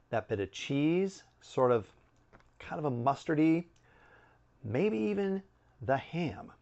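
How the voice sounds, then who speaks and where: A middle-aged man giving a casual product review to camera, conversational, with musing pauses and asides. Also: mid-range voice, darkish tone, highs cut off. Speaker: snack review video host. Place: indoor room with bookshelves.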